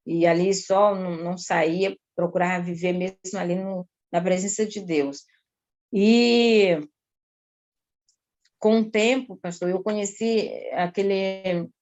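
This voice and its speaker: A woman's voice: lowish voice, darkish tone. Earnest woman sharing a testimony. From São Luís, Brazil. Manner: talkative, earnest, often slow and lingering. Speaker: guest giving a testimony. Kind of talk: emotional personal testimony.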